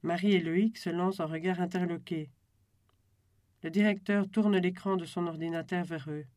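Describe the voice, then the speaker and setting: Calm audiobook narrator, dry sound. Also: medium pitch, moderate pace, no echo.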